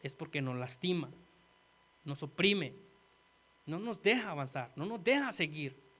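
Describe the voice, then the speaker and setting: A man preaching a sermon earnestly, talking straight to the congregation and swinging from quiet asides to loud emphasis. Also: fairly high pitch, lively intonation, measured pace. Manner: earnest, addresses listeners as "hermano".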